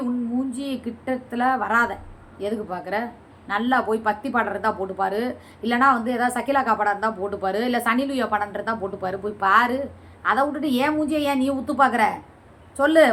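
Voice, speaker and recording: A woman's voice: a little high, fairly bright tone. A woman vlogger answering viewer comments in a combative, scolding and sarcastic way. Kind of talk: heated reply to comments.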